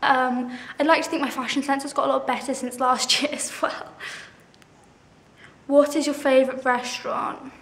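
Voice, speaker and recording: A teen vlogger of 17 answers questions casually to camera, bubbly and laughing at herself, with "like" throughout. Her high-pitched voice is a bit bright with little pitch movement at a normal speed, and the recording sounds roomy.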